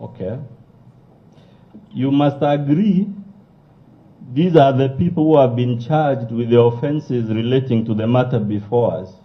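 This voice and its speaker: A man, a lawyer cross-examining a witness with forceful, combative questions. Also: medium pitch, measured pace, long pauses. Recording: muffled lo-fi broadcast audio.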